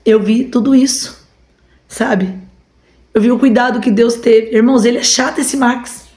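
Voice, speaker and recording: A woman's voice: on the high side, fairly even intonation, normal speed, darkish tone. Fervent Brazilian woman preacher. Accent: Brazilian Portuguese. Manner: fervent, repeatedly addresses listeners as brothers. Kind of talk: emotional testimony to a congregation.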